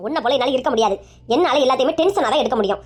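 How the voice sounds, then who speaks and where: A woman playing a sharp-tongued Kanyakumari mom. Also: high-pitched, expressive, rapid-fire, a little hiss or hum. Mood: scolding. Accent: Kanyakumari Tamil. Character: sharp-tongued nagging middle-aged mother. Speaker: mother in a family comedy skit. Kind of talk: comic family skit acting.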